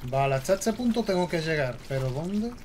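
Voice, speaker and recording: A man with a Spain Spanish accent giving jumpy, excitable let's play commentary while he plays. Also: a little high, a little fast, a little hiss or hum. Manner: jumpy, excitable, talks to himself. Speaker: gaming host.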